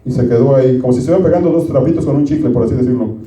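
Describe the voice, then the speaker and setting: Pastor preaching in a roomy hall. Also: male voice, medium pitch, racing, warm tone. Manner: conversational preaching, repeatedly addressing listeners as brothers. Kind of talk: sermon. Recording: roomy, distant from the mic.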